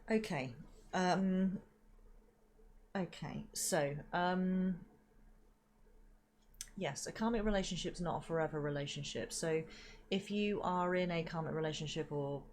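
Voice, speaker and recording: A woman with a fairly low, darkish voice gives a rambling spiritual reading, full of fillers and casual swearing. She speaks at a measured pace with frequent pauses and sounds stuffy and sniffly from hay fever.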